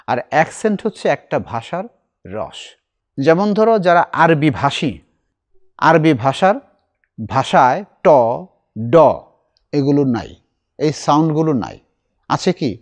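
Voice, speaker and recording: A middle-aged man teaching a recitation class, explaining slowly and asking his students questions. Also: a little high.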